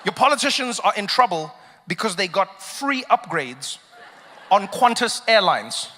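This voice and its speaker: A man performing a stand-up comedy set on stage, telling stories animatedly and shifting between loud bursts and quiet asides. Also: sits high, very animated, measured pace, long reverb tail.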